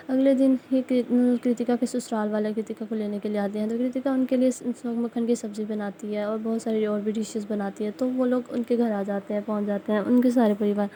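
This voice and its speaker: A woman's voice: on the high side, mellow, slight background noise. A woman storyteller narrating a family moral tale in a plain, simple way. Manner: plain, simple retelling with restarts.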